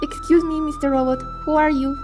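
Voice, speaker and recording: A woman's voice: high-pitched, steady tone, fairly quick, close to an everyday voice. A woman voicing a sweet, polite nine-year-old girl with a playful streak. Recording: soft music underneath.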